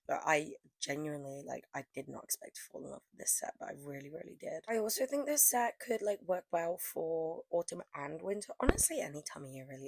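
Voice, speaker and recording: A young woman who makes press-on nails is losing her voice to a cold, so it comes out low, a little mellow, hoarse and croaky. She rambles casually through her nail art with lots of fillers, in chatty vlog narration with no echo.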